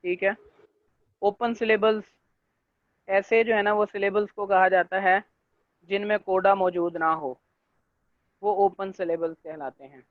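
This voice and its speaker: High-voiced man lecturing over a tinny line. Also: steady tone, no echo. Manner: checks in with students often; fills pauses with stock phrases. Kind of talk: online linguistics lecture. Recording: dry, tinny phone-like line.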